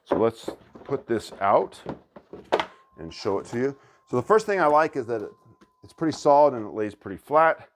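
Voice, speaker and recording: A man hosting a board game channel, chatting excitedly as he unboxes a new game and thinks aloud. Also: medium pitch, a little hiss or hum. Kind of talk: casual unboxing commentary.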